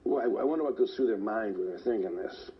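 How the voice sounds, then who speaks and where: In a dull lo-fi recording with faint hiss, a man in his 40s tells his own story in an interview. He's out of breath and rambling, filling gaps with "like," and speaks quickly in a fairly low voice.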